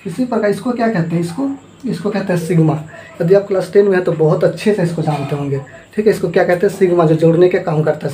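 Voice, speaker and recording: Teacher, male, high mellow voice, quizzes the class and answers himself, ends points with a rising "thik hai", echoey room with faint noise. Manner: asks the class questions and answers them himself. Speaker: math teacher. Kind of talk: blackboard math lesson.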